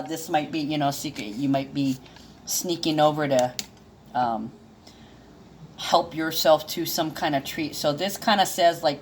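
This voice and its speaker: A woman's voice: low voice, a little hiss or hum. A woman giving a casual, rambling astrology reading, full of fillers and restarts and now and then chuckling. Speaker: intuitive astrology reader. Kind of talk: casual monologue.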